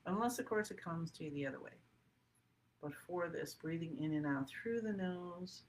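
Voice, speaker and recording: A woman leading a guided qigong meditation in a soothing, gently encouraging and informal, conversational way. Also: lowish voice, lively intonation, normal speed, low-quality recording. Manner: informal, self-correcting. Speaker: qigong group meditation leader.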